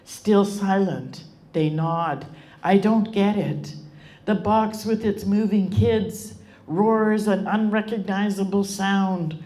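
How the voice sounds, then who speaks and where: A woman reads her own poetry to a live audience. Her delivery is slow and deliberate, with a steady rhythmic cadence. Her voice sits in a middle register and carries quiet feeling. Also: medium pitch. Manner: emotionally moved at points. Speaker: author reading her own work.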